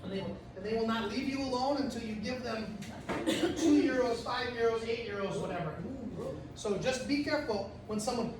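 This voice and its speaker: A middle-aged pastor with a very high-pitched voice, speaking at normal speed, leads a casual trip meeting for a group. He tells it like a chatty storyteller and often restarts his sentences, captured from a distance in a noisy, echoey room.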